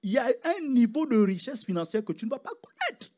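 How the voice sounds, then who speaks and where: A man preaching a sermon as pastor in a church, swinging between loud calls and hushed drops. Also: very high-pitched, sing-song, a little fast. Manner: preaching with rising shouts and sudden hushed drops.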